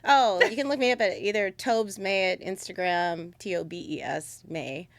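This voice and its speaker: A woman's voice: mid-range voice, normal speed, dry recording. A middle-aged woman, a singer, chatting as a podcast guest in a studio, easygoing and teasing. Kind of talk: casual podcast chat.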